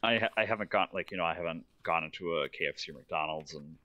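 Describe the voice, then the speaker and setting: A man who is a vegan guest, calmly explaining his views in a casual debate. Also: low-pitched, quick pace, no echo, muffled recording.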